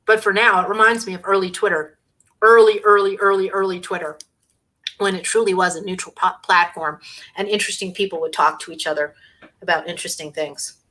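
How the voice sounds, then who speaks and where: A woman hosting a casual livestream in a bright, sharp voice. She talks with biting sarcasm and scorn. She sometimes chews on food between remarks. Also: on the low side, fairly even intonation, quick pace. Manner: eating while talking. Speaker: host.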